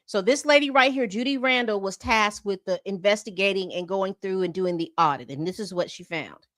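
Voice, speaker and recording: A woman's voice: medium pitch, a little fast, a bit bright, no room sound. A woman hosting a commentary channel, reading from a report and breaking off into exasperated asides. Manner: reads documents aloud then comments with exasperated asides.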